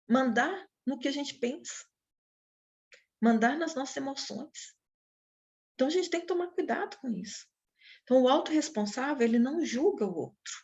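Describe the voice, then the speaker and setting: Brazilian woman giving a chatty sermon. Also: on the high side. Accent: Brazilian Portuguese. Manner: conversational, frequent "né?" tags and restarts. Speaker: speaker at a women's church meeting. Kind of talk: informal sermon.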